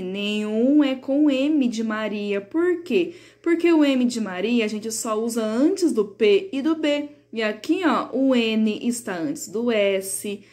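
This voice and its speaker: A woman, teaching a third-grade class in a recorded remote lesson. She explains the textbook patiently and slows down to sound out example words. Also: fairly high pitch, a little mellow.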